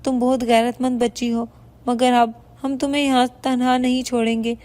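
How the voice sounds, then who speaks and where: A woman voices an elderly patriarch in a storybook tale, affectionate and choked-up. The voice stays high and level. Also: flat delivery, a little mellow, lightly acted. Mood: tender.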